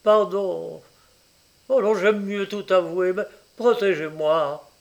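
A man's voice: high voice, steady tone, takes it slowly, vocal fry, darkish tone, pitched above the performer's own voice, full character voice. A man reading a storybook, voicing a frightened guilty man who begs for protection and confesses to a murder. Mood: terrified pleading. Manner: pleading, breathless, begging for protection.

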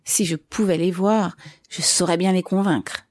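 A woman's voice: on the low side, unhurried, no echo, studio quality, close to an everyday voice. Vessovtchikov, a woman doing a fervent young man. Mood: eager urgent. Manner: excited, insistent. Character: eager pockmarked young man, fervent plotter.

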